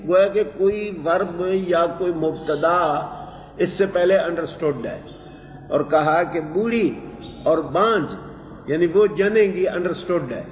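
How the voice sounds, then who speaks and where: A man's voice: sits high, slight background noise. Man teaching in an echoey hall. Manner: explains word meanings slowly, repeats phrases. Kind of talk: Quran translation lesson. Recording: dull echoey hall recording.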